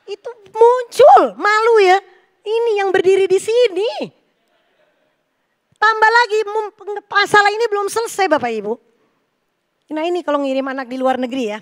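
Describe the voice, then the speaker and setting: A middle-aged woman delivers a church sermon in a high, light voice. She tells her stories in a lively, playful way, with jokes for the congregation. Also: moderate pace, pauses often. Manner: lively, joking storytelling with the congregation. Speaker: preacher. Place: church service.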